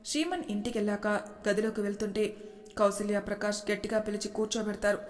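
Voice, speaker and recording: A woman storyteller narrating a family drama serial in a steady, even manner. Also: mid-range voice, fast. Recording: echoey room.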